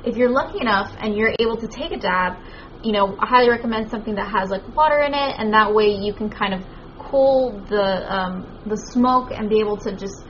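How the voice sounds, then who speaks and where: A woman's voice: mid-range voice, fairly quick. A woman co-hosting a casual chat, giving advice in a careful, explanatory way. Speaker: co-host. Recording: muffled lo-fi with background noise.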